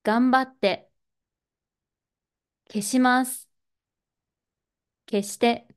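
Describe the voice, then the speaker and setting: Teacher woman, slightly high voice, very slow drill delivery, precise enunciation. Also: fairly even intonation, clean tone. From Japan. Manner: deliberate, carefully enunciated pronunciation. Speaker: Japanese teacher. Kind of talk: slow, clear verb drill for learners.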